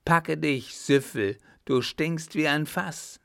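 A man's voice: mid-range voice, steady tone, measured pace, gravelly. A man voicing a scornful young tightrope dancer. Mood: scornful, defiant. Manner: sharp, sneering retorts. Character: defiant young female tightrope artist, scornful. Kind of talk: audiobook character voice.

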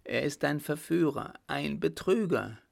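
A man's voice: fairly high pitch, animated, a little slow, creaky, pitched above the performer's own voice, heavily acted. A man reading an audiobook, voicing a distraught, lamenting middle-aged mother. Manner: lamenting, pleading. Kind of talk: audiobook character voice.

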